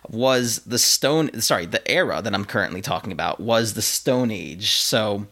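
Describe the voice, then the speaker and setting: A man's voice: lowish voice, animated, moderate pace, pushed and bright. A man co-hosting a podcast, telling a history story in a laid-back, giggly way with lots of fillers. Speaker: podcast co-host. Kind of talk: casual history chat.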